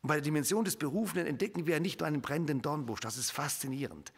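A male pastor preaching a sermon, swinging from hushed whispers to emphatic raised lines and putting rhetorical questions to the congregation. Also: on the high side, very fast, creaky, breathy edge. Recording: reverberant church hall.

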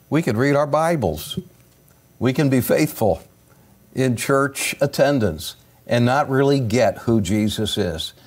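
An older male pastor delivers a sermon at a deliberate, unhurried pace in a mid-range voice. He preaches earnestly, leaning into key words with rising emphasis and letting pauses sit. The sound comes through a pulpit microphone in a church sanctuary. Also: medium pitch. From United States.

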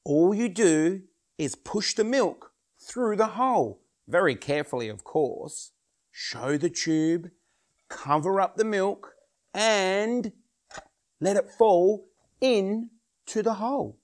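A man's voice: high voice, takes it slowly, a little mellow. A young man performing as a kids party magician, with theatrical, teasing patter addressed to children.

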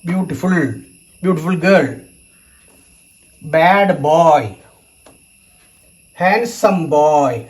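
A teacher giving a grammar lesson, slow and repetitive, stating each term in two languages. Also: mid-range voice, echoey room, low-quality recording.

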